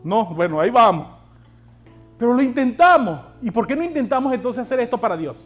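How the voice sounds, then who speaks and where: A man with a notably high voice preaches to his congregation, pressing them with questions and calls to act. Faint instrumental music plays softly behind him. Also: big pitch swings, brisk, lo-fi sound. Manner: exhorting, asks the congregation rhetorical questions. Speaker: pastor. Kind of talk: sermon.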